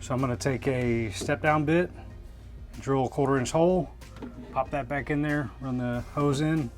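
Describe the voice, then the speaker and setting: Male DIY vlogger, mid-pitched, plain-spoken, narrating hands-on work in the tight interior of a camper, music behind. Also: steady tone, normal speed. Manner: plain-spoken, thinking aloud as he works. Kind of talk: hands-on installation tutorial, casual narration. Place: inside a camper, small indoor space.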